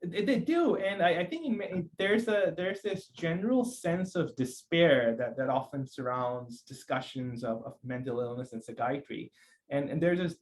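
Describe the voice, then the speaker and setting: A man's voice: fairly high pitch, expressive, normal speed, rough recording. Thoughtful man from Pakistan, hesitant. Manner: thoughtful, many restarts and fillers. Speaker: psychiatrist guest. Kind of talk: conversational interview.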